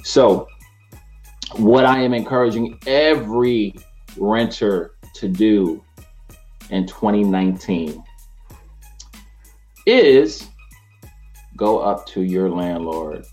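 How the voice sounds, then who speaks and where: Deep-voiced energetic man hosting a show. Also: slow, pauses often, soft background music. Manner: energetic, chatty, laughs easily. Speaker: host, mortgage professional. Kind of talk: casual talk to camera.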